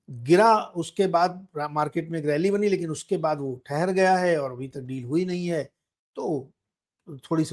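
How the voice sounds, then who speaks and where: A man with a somewhat high voice hosts a stock market show. He gives a daily wrap-up in an easy, conversational way and keeps pointing the viewer to charts and heat maps as he explains. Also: a little mellow.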